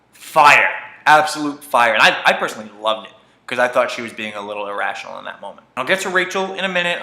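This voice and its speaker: A young man giving an opinionated, casual recap of a reality dating show, swearing freely and peppering his talk with "like" and quick restarts. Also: mid-range voice, bright, forceful tone, roomy sound.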